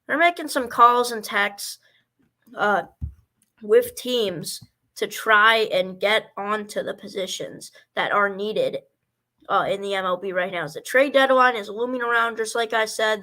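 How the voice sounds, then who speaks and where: Male baseball commentator, high bright tone, loose rambling amateur play-by-play with name stumbles. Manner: rambling, stumbles over player names.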